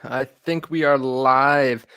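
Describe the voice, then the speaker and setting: A man's voice: mid-range voice, steady tone, slow, sharp tone, clean tone, dry recording, clean studio sound. A man hosting a casual finance live stream, rambling with many fillers and restarts, a bit out of breath, talking into a phone. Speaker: finance channel host.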